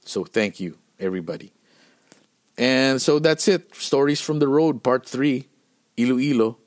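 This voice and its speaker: A middle-aged man from the Philippines, hosting a podcast and telling road stories in a casual, animated, profane way with lots of fillers. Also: medium pitch, measured pace. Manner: profane, animated storytelling with many fillers and restarts. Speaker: podcast host.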